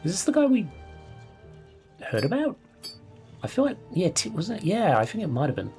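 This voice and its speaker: Man, gravelly voice, casual gameplay commentary, swears and chuckles, faint music behind. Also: high voice, huge pitch swings, normal speed, mellow. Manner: mutters item names, swears, chuckles often. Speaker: let's play host.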